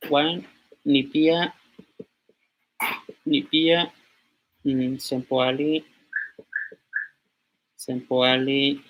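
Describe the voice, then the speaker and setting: A young man in his twenties, from Mexico, giving an informal language lesson and slowly repeating words as he writes them out. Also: mid-range voice, level tone, highs cut off. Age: 20s. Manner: slow, repeats words aloud while writing on a board. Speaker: language teacher.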